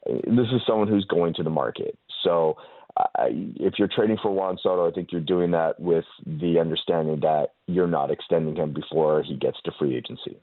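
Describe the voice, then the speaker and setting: A man giving measured, hesitant answers as a radio guest over a narrow phone line. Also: low-pitched, no echo. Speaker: baseball columnist, radio guest. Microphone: telephone.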